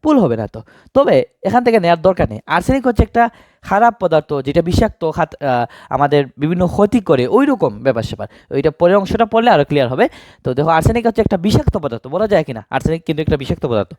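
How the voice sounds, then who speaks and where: Lively high-pitched male grammar teacher. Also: quick pace, no room sound. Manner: asks questions and answers them himself. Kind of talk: exam-prep grammar lesson.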